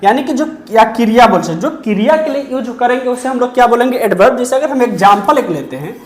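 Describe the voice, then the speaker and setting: A woman teaching a grammar lesson, who poses questions and answers them herself and repeats key terms slowly. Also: a little high, animated, reverberant.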